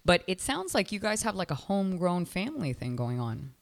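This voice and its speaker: Podcast host, woman, 40s, low-pitched and effusive, casual interview chat. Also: sing-song. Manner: effusive, chatty, quick asides. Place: Miami.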